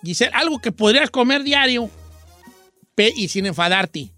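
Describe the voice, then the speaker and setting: A man hosts a call-in radio show, and his voice sits strikingly high with a bright, ringing edge. He teases his callers in a folksy, drawn-out way and keeps dropping English phrases. Soft music plays behind him. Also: expressive. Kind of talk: playful call-in radio banter. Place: radio studio. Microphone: studio microphone.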